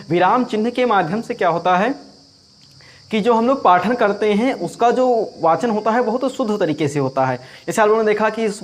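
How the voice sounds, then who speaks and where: A male grammar teacher with a high-pitched voice gives an exam-prep lecture. He explains patiently and repeats key points, calling his students bhaiya. Insects chirp faintly in the background.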